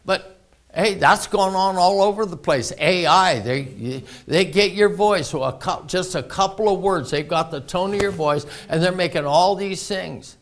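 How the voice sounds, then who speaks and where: A man's voice: high voice, measured pace. A man preaching a folksy sermon full of anecdotes. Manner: folksy, anecdotal, laughs often. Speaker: pastor.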